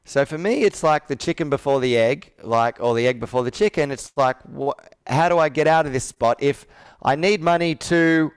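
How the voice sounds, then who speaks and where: A man in his thirties coaches a sales roleplay over a video call from an indoor room with a whiteboard, asking probing questions and repeating answers back. His voice is on the high side and clean, at normal speed.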